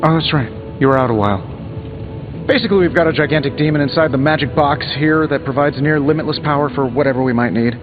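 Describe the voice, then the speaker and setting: An American man playing a cocky, sarcastic superhero inventor with glib, quick-witted banter in a video game. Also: a little high, close to an everyday voice. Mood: breezy, explaining. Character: cocky, wisecracking male superhero inventor in armour. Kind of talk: video game dialogue acting. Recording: dull game audio with music behind.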